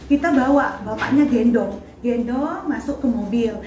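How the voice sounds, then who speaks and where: A woman's voice: on the high side, normal speed, a little mellow, roomy sound, dull audio, slight background noise. A woman gives reporters a first-person account of a painful event. She acts out the dialogue as she retells it. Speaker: bereaved parent speaking to reporters.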